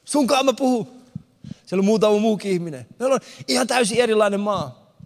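A man's voice: high-pitched, expressive. A man doing stand-up comedy, telling a story and acting out the other people's lines, who moved to the country in 1991. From abroad, moved to Finland in 1991. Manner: storytelling, acts out characters' lines. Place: large concert hall with no audience. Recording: long hall reverb.

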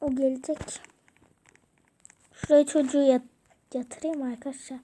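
A woman's voice: sits high, steady tone, moderate pace, mellow, slight background noise. A young woman casually commenting as she plays a game, chatting playfully to her viewers and the characters. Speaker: gaming video creator.

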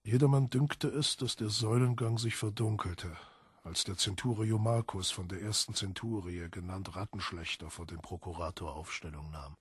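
Deep and very husky, this man's voice narrates literary prose for an audiobook with fairly even intonation. He's solemn and measured yet dramatically emphatic, captured in a dry recording free of room sound.

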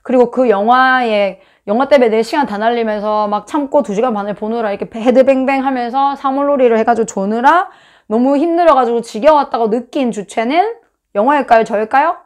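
A woman's voice: a little high, fairly quick. A woman with a Busan accent explaining English grammar in a casual, chatty lesson, acting out examples with sound effects. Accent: Busan Korean. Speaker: English teacher.

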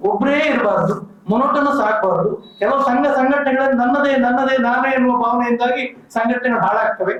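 A man's voice: very high-pitched, fairly quick, a bit bright. A man who works in medicine, speaking as a community organizer and making an earnest, persuasive public appeal. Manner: earnest, persuasive, lists names and figures. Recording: echoey room, distant mic, dull sound.

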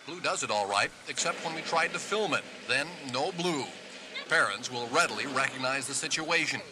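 A man narrating a television feature as a field reporter, measured and wry. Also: medium pitch, expressive, noisy background. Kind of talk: scripted narration.

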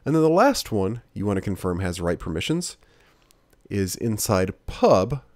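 A man narrating a software tutorial screencast as instructor, in a steady, plain-spoken, explanatory way. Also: on the low side, a little slow, dry recording.

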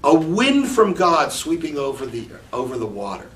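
A man teaching from scripture in a slow, reflective way, explaining the meaning of Hebrew words. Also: a little high, wildly swooping pitch, a bit bright. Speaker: Bible teacher. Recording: echoey room, mic at a distance, faint background noise.

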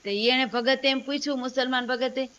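Bright-voiced woman storyteller. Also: high voice, steady tone, fairly quick. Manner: storytelling with quoted dialogue. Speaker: devotional storyteller. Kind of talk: religious story narration.

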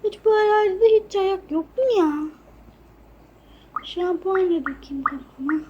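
A woman narrating a game role-play in soft, half-whispered asides. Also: very high voice, unhurried, highs cut off.

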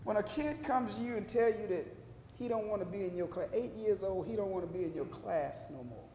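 A man's voice: sits high, lively intonation, brisk, warm tone, slight background noise. An older man preaching a sermon from the pulpit in a small church, drawing answers from the congregation and rising to fervent emphasis. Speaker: pastor. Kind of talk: sermon with call and response. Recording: echoey church hall.

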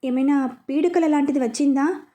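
A woman voicing a caring, puzzled young husband in her own high voice. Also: moderate pace, warm tone, close to an everyday voice. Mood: concerned. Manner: concerned, puzzled.

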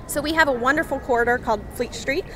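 A woman's voice: sits high, fast talker, a bit bright. A young woman, a marketing director, answers interview questions outdoors on a waterfront plaza in an upbeat, promotional way with frequent ums. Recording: outdoor noise behind the voice.

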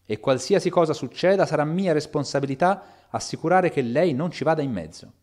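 A man voicing a cautious, dutiful middle-aged male lawyer in a spoken audiobook, with a measured and reasoning delivery. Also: on the high side, darkish tone, voice pushed up, lightly acted. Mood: resolute.

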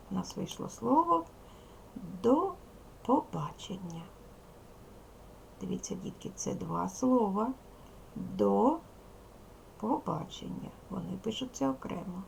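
A woman teaching a recorded primary school lesson with a Ukrainian accent, explaining slowly and carefully to young pupils. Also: medium pitch, lively intonation, creaky, a little hiss or hum. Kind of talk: recorded video lesson for children.

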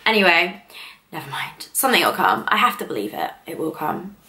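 A woman's voice: on the low side, big pitch swings, fairly quick, pushed and bright. A woman in her twenties from northern England, chatting casually and rambling to camera in a vlog, full of fillers. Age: 20s. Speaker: vlogger.

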